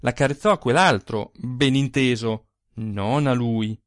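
A man's voice: medium pitch, a little slow, no echo, studio quality. A man narrating a literary short story aloud with theatrical, varied delivery. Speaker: audiobook reader.

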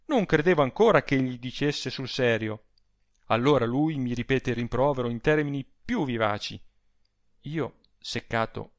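A man reading the part of a proud gentleman who speaks in a measured, formal and resolute way. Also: mid-range voice, lightly acted. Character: proud stiff gentleman, middle-aged. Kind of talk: audiobook character reading.

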